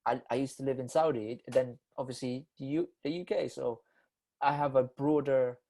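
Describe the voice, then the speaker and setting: Podcast host in his twenties, relaxed slangy banter, average-pitched man, gets earnest. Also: normal speed, gravelly. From Philippines. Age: 20s. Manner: loose slangy banter, earnest when serious. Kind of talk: casual chat.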